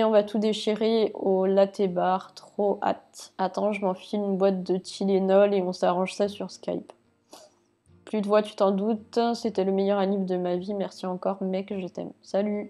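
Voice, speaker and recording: Flat-voiced woman playing a game. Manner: reads chat messages in a flat, low-key voice, with small slips and restarts. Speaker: let's play host. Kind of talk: casual let's play commentary, reading game texts aloud. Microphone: lapel mic.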